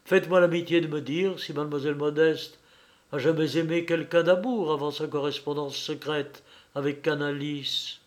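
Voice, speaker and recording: A man reading the part of an earnest, jealous young gentleman in love, speaking reproachfully. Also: a little high, steady tone, normal speed, natural voice.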